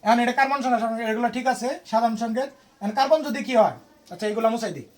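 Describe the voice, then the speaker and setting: A male tutor runs an informal lesson for students, firing off one question after another. His voice sits high and his pace is quick. He talks to the students in a small room. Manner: quizzing students with constant questions. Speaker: private tutor.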